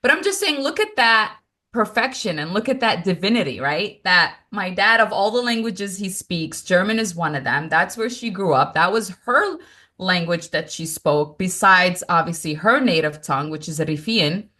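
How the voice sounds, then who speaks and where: With a voice on the low side and a moderate pace, a Moroccan woman co-hosting a podcast recounts a family story casually. Her first language is Moroccan Arabic, and she's lively and emphatic, laughing frequently.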